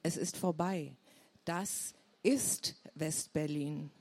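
Calm male smuggler explaining patiently, read by a woman, husky, slow. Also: low voice, no room sound, voice pushed down, exaggerated voice. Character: calm older man, smuggler who explains things.

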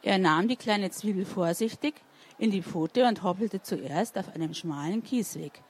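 A woman's voice: medium pitch, measured pace, breathy edge. A woman reading a story to children and asking them questions as she goes. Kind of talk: interactive read-aloud storytelling.

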